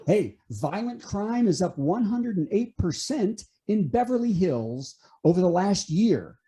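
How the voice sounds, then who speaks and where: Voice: mid-range voice, mellow. A comedian delivering a topical monologue of punchy late-night jokes, setting up news items and landing punchlines.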